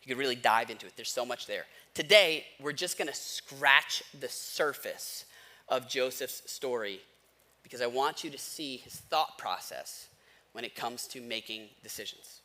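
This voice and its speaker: An American pastor preaches a conversational storytelling sermon, talking informally with wry asides directly to his listeners. His mid-range voice has a sharp tone and moves at a moderate pace.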